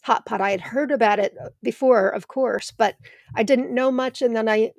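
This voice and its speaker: A woman's voice: fairly high pitch, normal speed, gravelly, dry recording. A middle-aged American woman hosting a live stream from home, chatting and answering viewers by name. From United States. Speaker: host of a live tomato show. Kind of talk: live stream chat reading comments.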